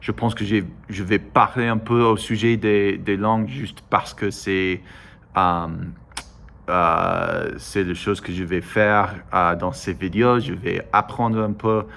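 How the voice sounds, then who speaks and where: Slow, halting American man speaking broken French. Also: lowish voice, fairly even intonation, gravelly, fairly bright tone. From United States. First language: English. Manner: broken, halting learner's French with hesitations and self-corrections. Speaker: vlogger. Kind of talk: casual monologue to camera.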